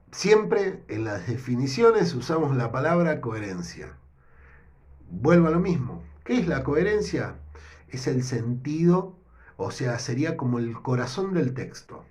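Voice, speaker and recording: A man teaching a lesson with a Rioplatense accent, explaining step by step and often checking in with a quick question. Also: mid-range voice, darkish tone. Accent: Rioplatense Spanish. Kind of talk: recorded language lesson. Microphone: no whiteboard, improvising with notes.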